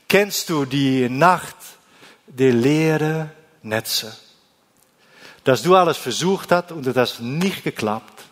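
A man from the Netherlands, preaching a sermon in German, slow and deliberate, with phrases that often drop to a soft low ending. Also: animated. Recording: long hall reverb.

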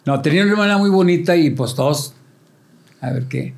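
An older man recounts band stories in a relaxed interview, his voice sitting a little higher than usual for a man. He tells them with gusto, acting out quoted voices and sound effects as he goes. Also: fairly quick, gravelly. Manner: animated storyteller, acts out quotes and sound effects. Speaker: band member telling stories. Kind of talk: casual storytelling interview.

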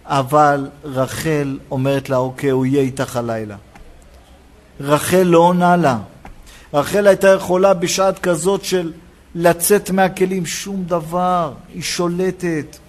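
A rabbi preaching a sermon in a synagogue, telling a personal story and acting out the dialogue. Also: male voice, on the high side. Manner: animated storytelling, acts out dialogue.

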